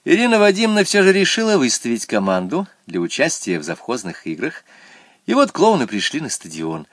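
A man reading a children's story aloud in an animated, expressive way. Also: medium pitch, fairly quick, no echo, studio quality.

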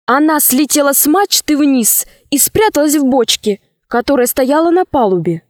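A woman narrating a children's audiobook story in a calm, measured reading voice. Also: sits high, no room sound, studio quality.

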